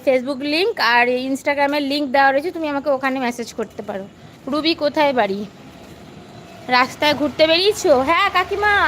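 A middle-aged woman with a high voice chats in a fond, lively way as a vlogger walking outdoors. She answers her viewers as they write in. Faint street ambience sits behind her. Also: a little hiss or hum. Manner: chatty, affectionate, lively. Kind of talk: casual live-stream chat, answering viewer comments.

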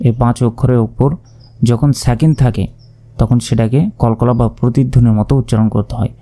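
A man teaching Quran reading, spelling each word out letter by letter and then chanting it slowly and drawn out. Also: medium pitch, steady tone, mellow. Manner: slow drawn-out chanted recitation between spoken explanations. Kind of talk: spelling out recitation step by step.

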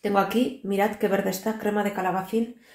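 This Basque-accented woman in her thirties, a native Basque speaker and family vlogger, talks fairly quickly in a medium-pitched, slightly mellow voice with fairly even intonation. Tired, she chats and rambles with weary asides into a phone camera at arm's length, indoors in an echoey tiled kitchen.

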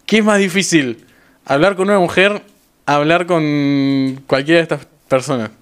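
A young man with an Argentine accent streaming a game, talking excitedly to his viewers and repeating phrases over and over. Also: a little high, moderate pace, clean tone. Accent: Argentine Rioplatense Spanish. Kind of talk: live gameplay commentary.

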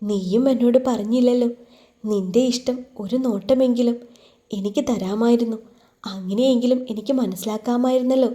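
Storybook young husband, playful then earnest; woman reader's own voice, very warm and mellow tone. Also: on the high side, moderate pace, close to an everyday voice. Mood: tender. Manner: playful teasing turning earnest. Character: young man, teasing, devoted husband in love.

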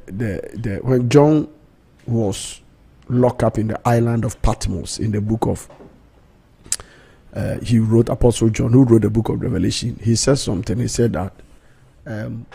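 Husky preacher man. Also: mid-range voice, mellow. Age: middle-aged. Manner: emphatic, repeats key phrases. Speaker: pastor and prayer programme host. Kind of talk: preaching on a prayer broadcast. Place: small indoor radio studio. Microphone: close studio mic on boom arm, headphones.

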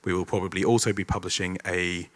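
A man's voice: low voice, steady tone, quick pace. A man giving the opening words and housekeeping announcements at a conference, upbeat and lightly joking, speaking into a stage microphone in a large hall.

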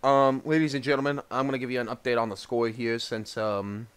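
A man giving casual, excitable gaming tournament commentary in an informal way, ready to break into shouts. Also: mid-range voice, fairly quick, smooth.

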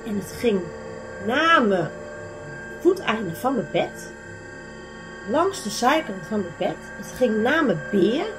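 A young woman vlogger telling her own true ghost stories in a chatty way, full of fillers, sometimes dropping to a whisper and sometimes rising to excited shouts. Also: a little high, slow pace, pauses often. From Netherlands. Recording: music playing underneath.

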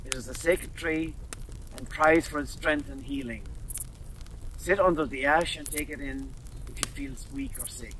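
A man voicing a calm, wise male wolfhound who teaches the children, heard from a slightly distant mic. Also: fairly high pitch, normal speed, slight background noise, lightly acted.

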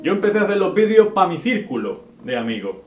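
A man's voice: sits high, sing-song, quick pace. A young man from Spain, answering viewer questions in a casual vlog, clipping words and tagging sentences with "right?". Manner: chatty, drops syllables as "pa'", frequent "¿vale?" and "¿no?". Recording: echoey room with faint guitar music.

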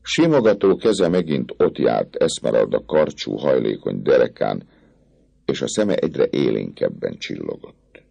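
Very deep, gravelly male narrator. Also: no room sound. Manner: expressive, dramatic reading. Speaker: audiobook narrator. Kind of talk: scripted novel narration.

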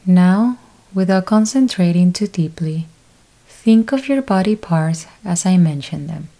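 Long pauses fill the gaps between this yoga nidra teacher's brief, step-by-step directions as she guides a deep-rest meditation. The woman's voice is low-pitched and mellow, and she keeps a very slow, calm, relaxed delivery from start to finish.

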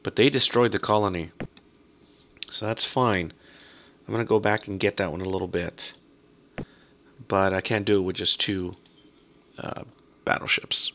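A man casually talking through a strategy game as he plays, half muttering to himself, slightly hoarse from a cough. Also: sits low, fairly even intonation, moderate pace, long pauses, a bit bright, slight background noise. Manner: muttering to himself while playing. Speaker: gaming video host. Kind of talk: casual let's-play commentary.

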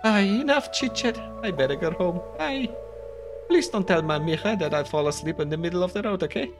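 A man's voice: high voice, animated, brisk, pitched above the performer's own voice. A man voicing an emotional, middle-aged single-mother ship captain who drops Spanish exclamations and "aye" as she gushes, with game music behind. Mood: fond. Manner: sentimental, gushing.

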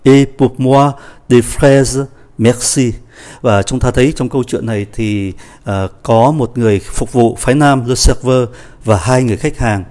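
A man's voice: medium pitch, moderate pace, darkish tone. A man teaching a French lesson, patiently repeating and explaining each phrase. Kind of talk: language lesson explaining a dialogue.

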